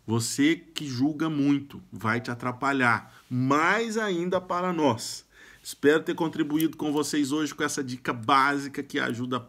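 A man's voice: on the high side, unhurried, fairly bright tone. A Brazilian man giving self-help advice straight to camera in a casual, emphatic way, now and then repeating sounds at the start of a phrase. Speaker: YouTube speaker giving self-help tips.

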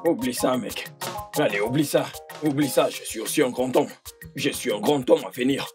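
A man's voice: medium pitch, moderate pace, lightly acted. A man dubbing, in French, the role of a bragging young villager who teases his friend. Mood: boastful. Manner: boastful and teasing. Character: boastful young village man, mocking joker. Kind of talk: French film dub. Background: background music.

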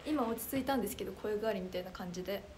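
Chatting casually on stream, a young woman reads viewer comments aloud and responds in a bubbly, excitable way. Her voice is mid-range yet anime-like, loud, clear and carrying, and she speaks very fast against slight background noise.

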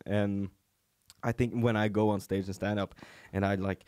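A young adult man from rural Norway, a native Norwegian speaker, appears as a comedian guest on a casual podcast, chatting with lots of fillers and restarts. His voice is fairly low with little pitch movement, normal speed, and a slightly mellow, clear, resonant tone. He's recorded dry and clean on a boom-arm studio mic with headphones in a small studio room.

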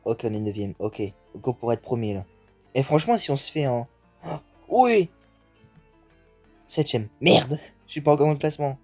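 A young man giving excitable commentary as he plays a game, swearing often and dropping English exclamations into French. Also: mid-range voice, normal speed, pauses often, soft background music. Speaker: gaming YouTuber. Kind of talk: live gameplay commentary.

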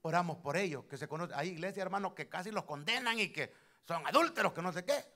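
A male pastor preaches in a church, telling stories and hitting lines with loud sudden emphasis. His voice sits a little high for a man. He speaks straight to the congregation, calling them brother. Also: expressive, fast. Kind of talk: sermon.

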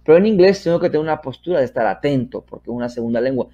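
A man teaching an English lesson, explaining in Spanish and modeling English sentences slowly, first loudly and then softly, checking in often with his students. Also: medium pitch, expressive, highs cut off.

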